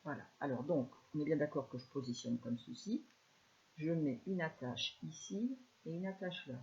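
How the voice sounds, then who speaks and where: A woman with a northern French accent giving a live scrapbooking tutorial, chatty and soft-spoken, with many fillers. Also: low voice, expressive, moderate pace, muffled recording. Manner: speaks softly, chatty, many fillers like "alors" and "hein". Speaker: scrapbooking demonstrator.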